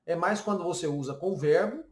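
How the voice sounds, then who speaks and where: A man's voice: a little high, fairly quick, roomy sound. A Brazilian man with a Brazilian Portuguese accent teaching English pronunciation, explaining patiently and often checking in with the listener. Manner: explains patiently with frequent "né?" and "ok?" tags. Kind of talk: pronunciation lesson.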